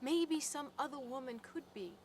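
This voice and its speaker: An actress playing a practical, level-headed film crew member who talks calmly and persuasively. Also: female voice, sits high, normal speed, slight background noise, lightly acted.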